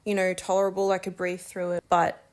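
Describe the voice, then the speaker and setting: A young woman, a new mother, tells her birth story in a casual, candid chat and laughs easily. Her voice is lowish and brisk, with a completely flat delivery.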